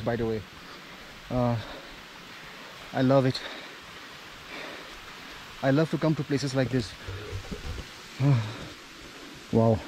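A man chatting to his camera as he hikes up a trail, winded from the climb. His voice sits at a middle pitch, and steady outdoor noise is heard clearly behind him on the camera audio. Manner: chatty, talking to camera while hiking. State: out of breath. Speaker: travel vlogger. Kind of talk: casual hiking vlog.

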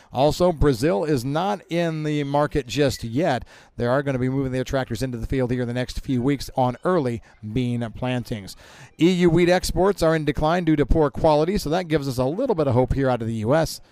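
A man talks through grain markets in a conversational, emphatic manner, his voice smooth and resonant. The sound is dry and close despite the fair setting. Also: mid-range voice, a little mellow, no echo. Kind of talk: market commentary. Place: county fair, outdoors broadcast.

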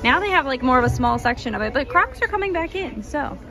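A young woman vlogs her travels on a handheld phone camera, casual and chatty, gushing over shops and places in a bubbly way. Her voice is high-pitched and sing-song and she talks quickly, with music in the background. She's outdoors and in shops at a beach town, and later in a car.

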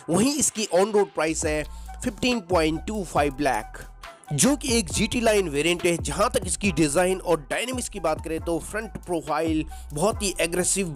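A man with a fairly high voice presents a car walkaround review, working through features one after another at an even pace. Soft music plays faintly behind him. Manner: steady feature-by-feature listing. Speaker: car reviewer and channel host.

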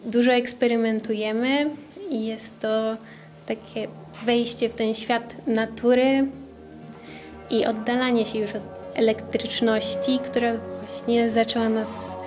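A young woman gives an exhibition interview in a slightly high voice. She speaks slowly, and music is clearly heard behind her. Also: level tone, a little mellow. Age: 20s. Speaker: art student.

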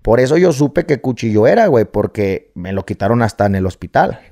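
A man's voice: medium pitch, sing-song, a little fast, dark tone. A man with a Mexican accent, a guest telling a personal story casually, swearing freely and peppering every phrase with slang.

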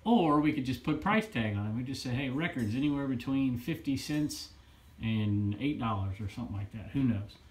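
A man in his forties, a reseller vlogger, films himself at arm's length in a small, cluttered room at home for a casual haul vlog about his resale finds. He is chatty and upbeat, rambling and correcting himself as he goes. His medium-pitched voice has lively intonation, normal speed, and a slightly mellow, slightly rough quality.

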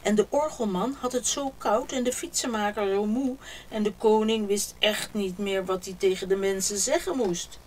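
A woman reading a children's picture book aloud, telling the story warmly and expressively. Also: medium pitch, moderate pace, a little hiss or hum, low-quality recording.

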